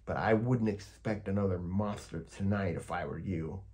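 A man's voice: deep voice, darkish tone, slight background noise, close to an everyday voice. Man doing a big, slobbery, whining boy monster. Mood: whiny, sulky. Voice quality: slurping, slobbery. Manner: drawn-out, whining, trying to sound terrifying. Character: big scruffy whiny slobbering male monster with long tongue.

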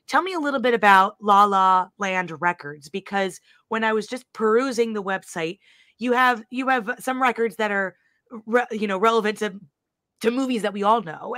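A hoarse woman hosts a live podcast interview, chatting eagerly and tripping over her words with fillers and restarts. Her voice sits at a middling pitch and sounds close and dry, with no room echo. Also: pushed and bright. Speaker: podcast host.

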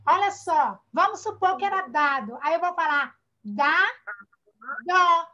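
Bright-voiced Brazilian teacher on a video call. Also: female voice, very high voice, expressive. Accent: Brazilian Portuguese. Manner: patient, sounds out syllables slowly, calls children "amor". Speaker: primary school teacher. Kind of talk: online class for young children. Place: home, online video class. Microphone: computer or phone mic on a video call. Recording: dull lo-fi video-call audio.

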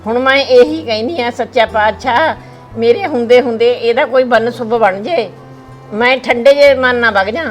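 A woman's voice: on the high side, moderate pace, faint music behind. An older woman with a Punjabi accent playing a grandmother in a village drama, worn and complaining.

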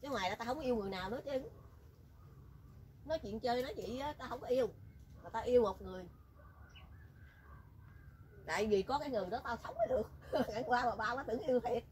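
A woman's voice: on the high side, animated, fast talker, pauses often, a little mellow, slight background noise. A woman telling a story in casual chat, teasing and talkative. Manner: chatty, teasing, rural colloquial speech.

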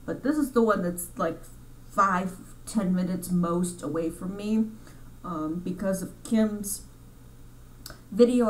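A woman's voice: mid-range voice, darkish tone, distant mic, a little hiss or hum, low-quality recording. A woman hosting her crochet channel in a chatty, rambling way, correcting herself as she goes, a bit congested from sinus trouble. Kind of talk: casual chat over store footage.

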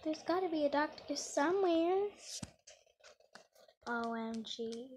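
A woman's voice: high-pitched, animated, takes it slowly, darkish tone, slight background noise. A young female gamer chatting casually while she plays a roleplay game, talking through each thing she does. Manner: chatty, narrates her own actions. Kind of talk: casual gameplay commentary.

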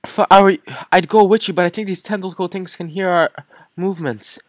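A man voicing an anxious male shipmate who talks in a hurried, urgent way. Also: high voice, fairly even intonation, dry recording, voice pushed up, close to an everyday voice.

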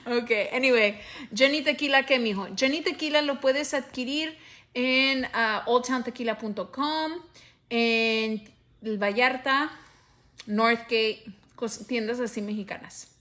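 Woman in her thirties, livestream host, relaxed bilingual chatter with a slightly high voice, recorded on a phone at arm's length at home. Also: slow. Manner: switches between Spanish and English, laughs often. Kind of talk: casual bilingual chat. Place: indoors on a couch at home.

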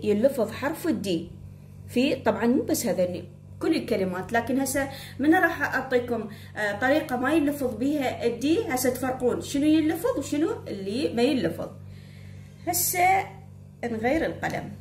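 An Iraqi woman gives a spoken blackboard lesson, her voice slightly high. She goes slowly and repeats herself, calling on her pupils to look and listen. The room echoes, with a faint hum behind her. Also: a little mellow. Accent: Iraqi Arabic. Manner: slow, repeating, addresses pupils directly. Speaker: English teacher.

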